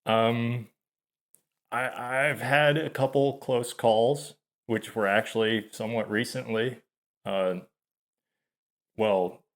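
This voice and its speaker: In a mid-range voice, a man in his thirties who hosts the channel talks to camera confessionally. He's soft-spoken and self-deprecating, hesitating, trailing off, and restarting often.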